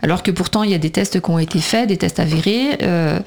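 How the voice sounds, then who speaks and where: A woman's voice: on the low side, quick pace. Earnest talkative woman radio guest. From Portugal. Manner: talkative, earnest, quotes others in lively voices. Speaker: nursery school teacher and parent guest. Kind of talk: radio talk show interview.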